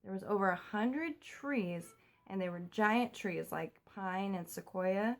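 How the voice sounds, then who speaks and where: Late at night, a young American woman talks into her phone for a casual home vlog, speaking fast and chattily while keeping quiet. Her mid-range voice is expressive.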